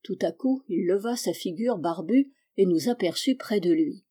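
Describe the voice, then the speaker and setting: A woman reading a story aloud as an audiobook narrator, in a measured, even way. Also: medium pitch, breathy edge. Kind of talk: scripted narration.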